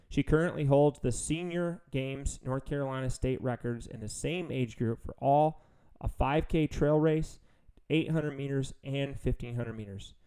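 A man's voice: mid-range voice, dark tone, clean tone, poor audio. A man in his thirties with a Southern US accent, hosting a running podcast in a studio, reading race results and then chatting with fillers. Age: 30s. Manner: reads a long list of race results, then chats with fillers. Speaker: podcast host and running coach. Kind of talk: podcast chat with a scripted intro.

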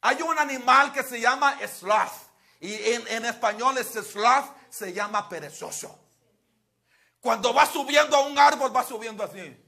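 A man preaching a bilingual sermon. His voice sits unusually high and has a gravelly, fried edge. He talks slowly and leads the congregation in repeating words back to him. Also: pushed and bright. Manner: switches between Spanish and English, has the congregation repeat words.

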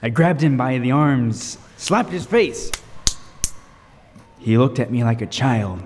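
Playing a lighthouse keeper at a radio table read, this actor recounts a horror tale in first person, full of vivid suspense. His medium-pitched voice is expressive and slightly mellow, and he takes his time. Long, roomy reverb and faint noise color the recording.

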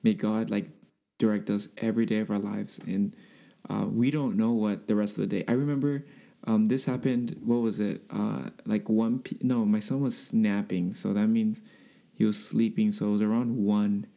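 A young man co-hosting a podcast, speaking slowly and reflectively in casual chat. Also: lowish voice, fairly even intonation, gravelly. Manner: slow, reflective, gentle. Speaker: podcast co-host.

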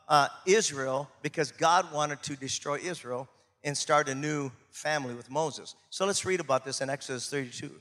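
A male pastor delivers a sermon with a bright, forceful edge to his voice. His pitch sits a little above the usual for a man. He hammers points by repeating words and laughs easily as he goes. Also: big-room sound.

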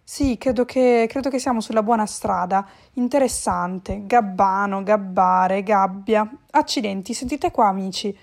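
A woman voicing a fussy, bookish male cat who is easily dismayed and repeats himself excitedly. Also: measured pace, creaky, hardly any pauses. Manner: excitable, repeats words, rises sharply in pitch.

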